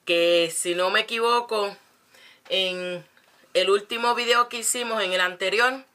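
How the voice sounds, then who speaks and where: Bright-voiced woman preaching fervently. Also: mid-range voice, fairly even intonation, a little slow. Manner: fervent, repeats phrases, asks rhetorical questions. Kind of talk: preaching to a congregation.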